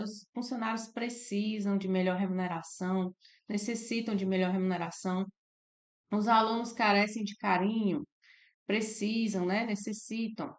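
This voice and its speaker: A woman with a Brazilian Portuguese accent, a tutor working through exam questions in a casual, explanatory way, often adding "né?" to check in. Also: mid-range voice. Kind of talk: casual screen-share lesson.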